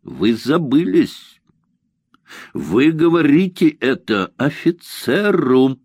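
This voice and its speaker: Man playing haughty officer, cold, curt, low, slow, dry storybook reading. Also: big pitch swings, vocal fry, no echo, full character voice. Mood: stern. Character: cold, arrogant male cavalry officer.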